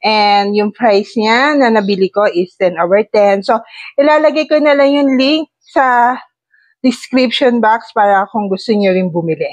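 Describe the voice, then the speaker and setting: A woman's voice: mid-range voice, unhurried. A middle-aged woman with a Filipino accent, a nasal voice from a cold, chatting through a home demo of a clip-on mic as she moves between rooms. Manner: chatty, talks viewers through steps. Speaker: vlogger. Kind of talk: casual product demo. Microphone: wireless clip-on mic and phone.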